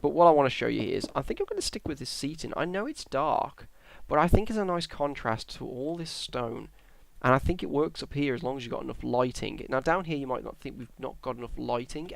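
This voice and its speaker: Yawning and worn out, a young adult Minecraft YouTuber from England rambles through casual commentary on his build, hesitant and often correcting himself. He has a creaky, medium-pitched male voice.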